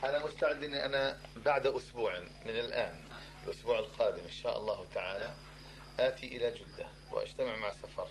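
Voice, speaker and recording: A man argues in a heated group discussion, talking quickly and pressing his point again and again. There is a faint noise under his voice. His pitch sits in an ordinary middle range. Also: poor audio. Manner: argumentative, insistent, repeats himself to press a point. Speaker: questioner in a religious discussion.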